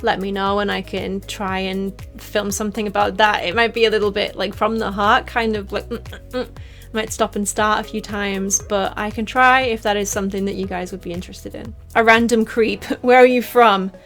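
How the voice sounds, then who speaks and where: A young woman from northeast England talks with a softened Teesside accent at a middling pitch. She chats loosely through fan questions, full of "like" and quick laughs. Soft music sits faintly behind her. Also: fairly even intonation. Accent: softened Teesside English. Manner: chatty and rambling, heavy use of "like", frequent little laughs. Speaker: cosplayer answering fan questions. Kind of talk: casual Q&A vlog.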